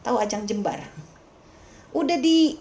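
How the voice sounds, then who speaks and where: Woman religious teacher answering questions at a lecture. High-pitched, emphatic, scolding, and leaning on rhetorical questions. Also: animated, a little slow, mellow. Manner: addresses listeners familiarly.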